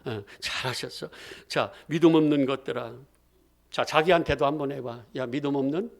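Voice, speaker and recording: A man preaching a sermon as pastor, throwing questions at the congregation and answering them himself in a lively call-and-response style. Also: mid-range voice, moderate pace, gravelly.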